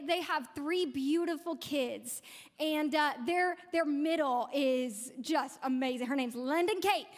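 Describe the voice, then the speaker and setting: A woman pastor with a very high voice delivers an emphatic sermon, leaning on key words and repeating them. Her voice carries a long reverb tail from a church sanctuary.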